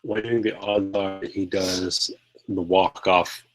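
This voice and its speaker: A man's voice: sits low, little pitch movement, a little slow, rough recording. A man co-hosting a live podcast, talking politics in a rambling way with many fillers and restarts. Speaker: podcast co-host. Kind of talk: casual political discussion.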